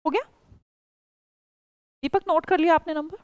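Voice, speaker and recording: High-voiced woman teaching spoken English. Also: fairly even intonation, a little mellow, no echo. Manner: coaxing, urges learners to answer fast. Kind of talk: online class teaching.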